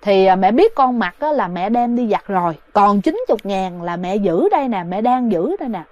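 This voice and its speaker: A woman's voice: mid-range voice, sing-song, moderate pace, darkish tone, dry recording, dull audio, natural voice. A woman voicing an older mother grieving her drowned son, speaking tenderly and soothingly in a told ghost story.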